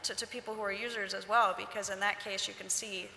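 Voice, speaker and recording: A woman on a conference panel, chatty and quick, adding points in a lively way. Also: medium pitch, vocal fry, a little hiss or hum. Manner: quick, chatty, laughs easily. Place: conference hall, live panel. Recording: echoey hall.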